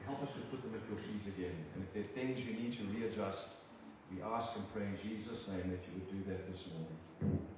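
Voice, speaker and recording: An older South African man, visiting as a preacher, delivers a sermon with prayer in an earnest, halting way, restarting frequently. His pitch is fairly low, and a distant mic captures him in a very echoey church full of room noise.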